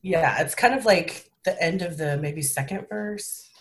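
A woman's voice: on the low side, measured pace. A woman co-hosting a casual chat show, giggly and easily flustered. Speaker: podcast co-host. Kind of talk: casual chat, game quiz.

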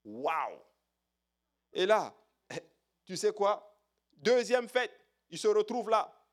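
A man's voice: high voice, big pitch swings, slow pace. A man preaching a sermon, exclaiming and punctuating his points with hallelujahs.

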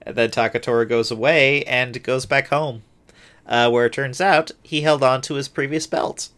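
A man's voice: medium pitch, fairly even intonation, moderate pace, a bit bright. A man co-hosting a casual chat, giving wry, sarcastic summaries of a TV episode with many filler words. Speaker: podcast co-host.

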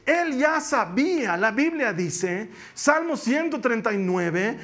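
A man's voice: very high-pitched, sing-song, slow, a bit bright. A pastor giving a sermon in church, preaching emphatically with repeated phrases and acting out the voices he quotes. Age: adult with a young daughter.

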